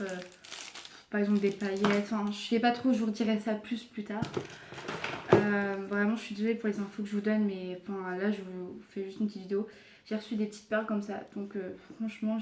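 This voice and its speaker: A woman's voice: medium pitch, a little mellow. A young woman vlogger casually unboxing her purchases, talking hesitantly with many fillers and apologies. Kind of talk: casual unboxing haul video. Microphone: camera mic. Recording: echoey room with clear background noise.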